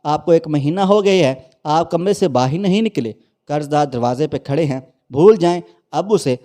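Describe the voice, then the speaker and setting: An anxious middle-aged mother speaks urgently in a mellow, somewhat raised voice, pleading with her husband. A man voices her in a storybook reading. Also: fairly high pitch, animated, close to an everyday voice.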